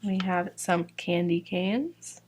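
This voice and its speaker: A young sticker shop owner from Georgia presents her new releases in a casual, unhurried walkthrough, her sentences full of "like" and "um." Her voice is a little low and mellow, slow, and a bit worn, as if she has been losing it lately.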